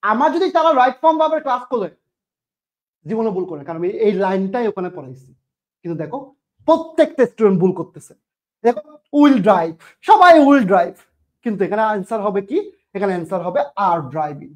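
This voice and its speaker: A woman's voice: mid-range voice, very animated, quick pace, darkish tone. A woman teaching English grammar in an online admission-test lecture, scolding and firing questions at her students.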